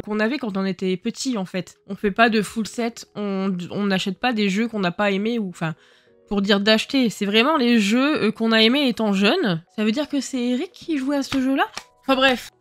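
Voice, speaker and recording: A woman's voice: a little high, a bit bright, dry recording. A tired young woman from France chatting casually about her retro game collection, laughing at herself and swearing now and then. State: tired after work. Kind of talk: casual vlog chat. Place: game room at home, indoors.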